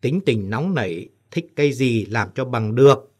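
Male narrator voicing a gentle village wife, soft, loving, storybook voice. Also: medium pitch, expressive, normal speed, lightly acted. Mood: affectionate. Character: tender village wife, worried mother.

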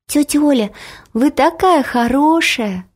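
A woman voicing a sly little girl who flatters adults in a sugary, insincere way in a storybook reading. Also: high-pitched, unhurried, pitched above the performer's own voice. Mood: sweet.

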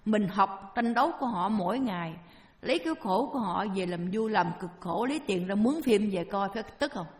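A woman's voice: mid-range voice, lively intonation, fairly quick. A woman giving a Buddhist dharma talk, asking her listeners questions and answering them herself with homely everyday examples. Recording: long hall reverb.

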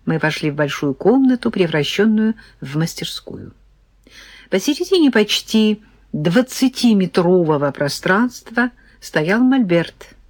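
A woman narrating a first-person audiobook story in a lively, expressive way. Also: mid-range voice, a little slow, no room sound.

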